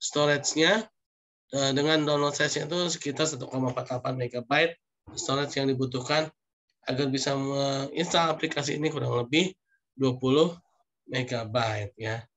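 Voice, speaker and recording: A man's voice: mid-range voice, normal speed, a bit bright. A man lecturing online, reading through slide points with frequent "ya" and "nah" asides.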